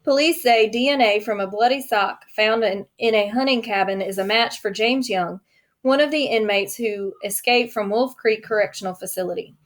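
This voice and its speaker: A steady TV news anchor, read by a woman narrator reports a crime story in a measured, even tone. The voice sits a little high. It is an audiobook reading. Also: lightly acted. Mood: serious.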